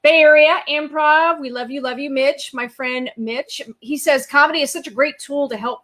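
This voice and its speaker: A woman hosting a casual live-stream conversation, animated and enthusiastic, with quick asides. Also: sits high. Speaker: host.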